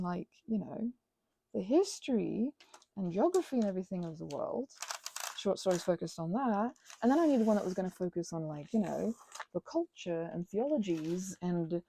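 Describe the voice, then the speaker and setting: This is a young adult woman, host of a craft and ASMR channel, rambling casually as she makes something. Her mid-range voice is creaky and mellow over slight background noise, and she jumps around, interrupts herself, gushes, and jokes at her own expense while wandering off on tangents.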